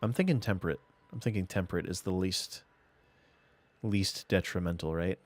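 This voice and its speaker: A man with a somewhat low voice comments casually on his live gameplay, thinking out loud. The sound is close and dry, with no room around it. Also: moderate pace, no room sound. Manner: thinks aloud, musing to himself. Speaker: gaming streamer.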